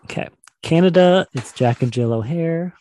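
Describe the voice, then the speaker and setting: A man's voice: on the high side, normal speed, dark tone. A man co-hosting a podcast and running a quiz game, chatty and enthusiastic, laughing often. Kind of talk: casual chat.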